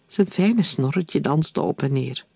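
Man reading a story aloud, calm and dry. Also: fairly high pitch, takes it slowly, vocal fry, slightly rough, no room sound. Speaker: narrator. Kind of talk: audiobook narration.

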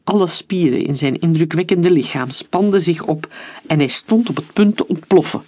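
A man reading an audiobook story, shifting his voice for the dialogue. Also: moderate pace. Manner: reads dialogue with shifts in pitch and loudness. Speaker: narrator. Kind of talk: audiobook narration with character voices.

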